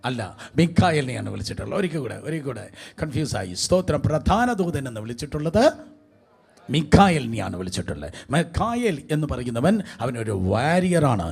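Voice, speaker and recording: A man's voice: medium pitch, big pitch swings, fairly quick, gravelly, darkish tone, breathy edge. A man preaching a sermon to a congregation, calling for responses and mixing in English words. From India.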